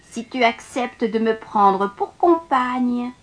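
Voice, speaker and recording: A woman voicing a raspy female frog who coaxes and insists on a promise, in slow drawn-out pleas. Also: fairly high pitch, expressive, background noise. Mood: coaxing.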